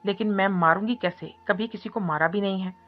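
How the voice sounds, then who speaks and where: A woman voicing a feisty, defiant young heroine who snaps back with quick scolding retorts in an audiobook reading. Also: mid-range voice, close to an everyday voice. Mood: aggrieved. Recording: muffled recording with soft music.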